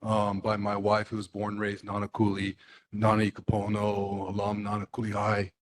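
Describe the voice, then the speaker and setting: A middle-aged man from the US mainland, a neighborhood board member, speaks haltingly at a public meeting, full of fillers and restarts. His voice is fairly low and completely flat, with slight background noise.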